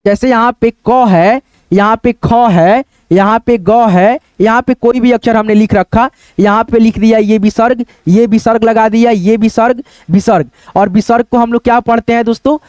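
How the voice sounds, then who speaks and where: A man with a very high, crisp voice teaches letters step by step. He repeats himself patiently and keeps quizzing his viewers. The sound is dry and close. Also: fairly even intonation, moderate pace, a little mellow, no echo. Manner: repetitive and patient, keeps calling out to friends and asking check questions. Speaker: online Hindi teacher. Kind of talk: teaching at a board, explaining step by step.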